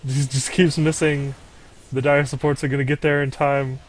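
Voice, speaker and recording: A young man co-casting an esports match, relaxed and quick to react. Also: mid-range voice. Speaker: esports co-caster. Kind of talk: casual game commentary.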